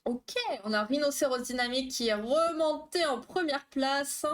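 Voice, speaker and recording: A woman's voice: high-pitched, moderate pace. A woman therapist hosting a live stream, explaining phobias in a chatty, casual way with many fillers and asides to her chat.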